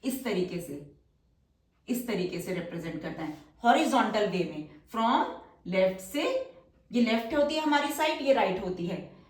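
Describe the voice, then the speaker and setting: A woman's voice: medium pitch, lively intonation, moderate pace, echoey room, recorded from a distance. A woman teaching shorthand step by step, patiently repeating each sound and often checking that the viewer follows. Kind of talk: step-by-step spoken lesson.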